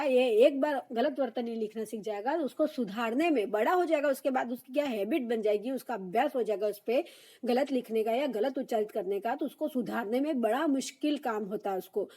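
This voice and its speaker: A woman's voice: a little high, a little mellow. A woman teaching a Hindi exam-prep lesson, explaining patiently and repeating the key answers with emphasis, with frequent "है ना" tag questions.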